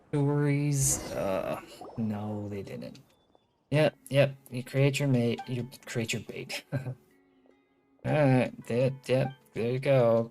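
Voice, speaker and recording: A video game streamer with a medium-pitched voice rambles through casual live commentary, thinking out loud and tossing in opinionated, sarcastic asides. Game music plays in the background.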